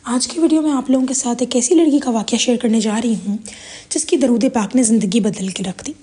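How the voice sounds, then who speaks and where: A woman's voice: a little high, mellow. A woman hosting a religious motivational video, casually retelling another woman's story. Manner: conversational, frequent "she says" retelling.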